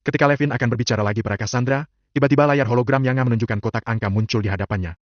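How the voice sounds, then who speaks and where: Fast-reading male novel narrator. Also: mid-range voice, dry recording. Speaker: storyteller. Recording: dull lo-fi dry recording.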